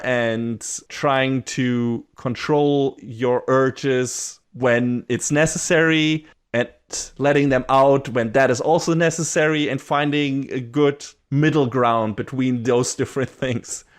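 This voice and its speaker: A man co-hosting a podcast, talking in a loose, rambling way with frequent swearing and laughs. His voice sits in an ordinary middle pitch. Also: smooth. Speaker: podcast co-host. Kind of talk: casual podcast chat.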